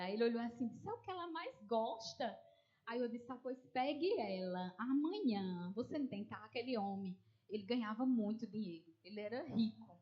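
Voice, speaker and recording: A woman's voice: fairly high pitch, lo-fi sound. Northeastern Brazilian woman preaching a testimony. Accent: Northeastern Brazilian Portuguese. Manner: animated storytelling, acts out quoted voices, addresses listeners as dear ones. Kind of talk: sermon testimony storytelling.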